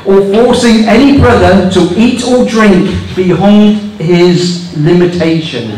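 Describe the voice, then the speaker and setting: A man's voice: high-pitched, a little mellow. A man in his fifties doing stand-up on a small club stage, reading rules aloud in a mocking, incredulous way and swearing for laughs. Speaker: stand-up comedian. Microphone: handheld mic on stand. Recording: echoey room recorded from far off.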